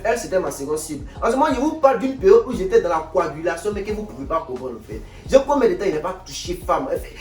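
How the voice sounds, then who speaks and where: A young man tells a comic story time in an animated, exclamatory way. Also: mid-range voice. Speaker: vlogger. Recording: echoey room, distant mic, faint music.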